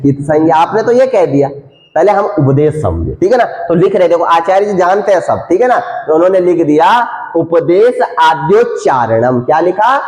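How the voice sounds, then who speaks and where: A man's voice: high voice, animated, fairly quick, a little mellow, echoey room. A man teaching Sanskrit grammar in a lecture, asking questions over and over and answering them himself.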